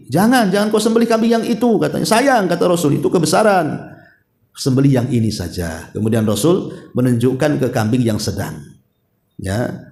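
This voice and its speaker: A man preaching a religious study sermon, telling stories in a lively way and speaking to the women listening. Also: fairly high pitch, roomy sound. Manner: storytelling, animated, addresses audience as "Bu". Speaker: Islamic preacher.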